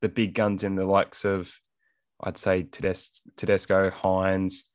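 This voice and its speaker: A man's voice: deep voice, completely flat delivery, takes it slowly, dry recording, studio quality. An Australian man giving casual fantasy sports analysis as a panellist on a rugby league show.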